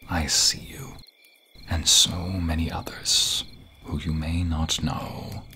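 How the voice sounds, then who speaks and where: In an ASMR roleplay, a man voices a gentle, grateful snake-man guardian, whispering breathily with formal, archaic phrasing. His delivery is heavily acted and his pitch extremely low.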